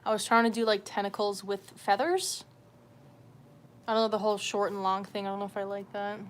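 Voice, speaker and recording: She talks a little fast in a mid-range voice with fairly even intonation. Hosting a livestream, she draws while chatting in a relaxed, swear-filled, self-deprecating way. The recording is clear, with background noise and room ambience.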